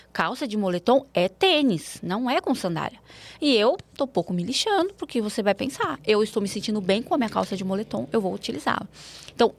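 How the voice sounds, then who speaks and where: A woman guest telling personal stories in a frank, animated way in a podcast interview. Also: no room sound. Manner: animated, frank, rising pitch in anecdotes. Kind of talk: candid personal storytelling.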